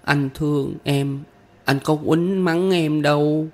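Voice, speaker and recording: A man's voice: fairly high pitch, steady tone, slow, a little mellow, voice pushed up. A man voicing a pleading, sulky little girl with a Southern Vietnamese accent in an audiobook. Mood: tearful. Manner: coaxing, whiny pleading. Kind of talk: audiobook character voice.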